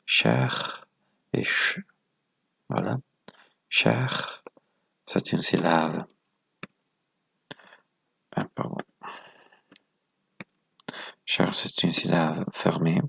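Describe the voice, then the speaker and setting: Man, lesson walkthrough, husky, dry close sound, methodical, counts things off. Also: low-pitched, very slow, pauses often, a bit bright, dry recording. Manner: methodical, counting items aloud, corrects himself. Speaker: presenter of a phonetics video lesson. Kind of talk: explaining a lesson step by step.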